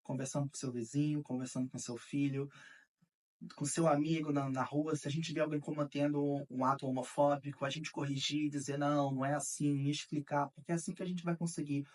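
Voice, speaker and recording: A man talks thoughtfully in a documentary interview, often backing up to restart a phrase. His voice is fairly high for a man and picked up from a distance, so it sounds set back from the mic. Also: flat delivery, fairly quick, darkish tone.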